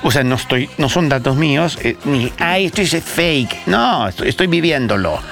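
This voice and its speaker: A Salvadoran man with a Salvadoran accent hosts a casual radio-style talk show with co-hosts, speaking emphatically and repeating phrases for stress. His voice is fairly high, expressive, gravelly and fairly bright, at a moderate pace. Music plays in the background.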